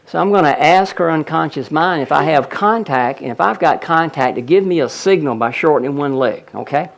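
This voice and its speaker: Talking a bit fast in a gravelly, high-leaning voice with lively intonation, a man addresses the audience at a healing seminar. He explains the live demonstration as it happens, repeatedly pointing out details with lines like "look at that."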